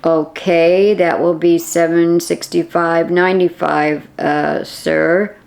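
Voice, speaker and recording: A woman's voice: lowish voice, flat delivery, slow, creaky, a little mellow. A woman playing a chatty store cashier. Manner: talkative, folksy.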